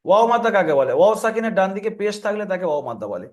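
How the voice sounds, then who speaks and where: A man with a high voice and quick delivery gives a step-by-step Quran reading lesson. He explains each rule plainly, then chants letter sounds over and over to drill them. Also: very animated.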